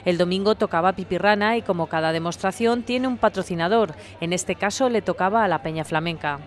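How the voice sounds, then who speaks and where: A news reporter reading a scripted voice-over report in an even, measured delivery. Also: mid-range voice.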